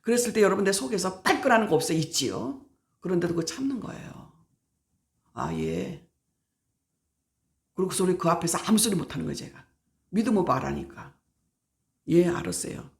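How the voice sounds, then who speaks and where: A woman's voice: lowish voice, lively intonation, fast. A middle-aged woman pastor preaching at a prayer meeting, stressing her points by repeating words and acting out everyday exchanges. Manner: emphatic, repeats key words, acts out everyday dialogue.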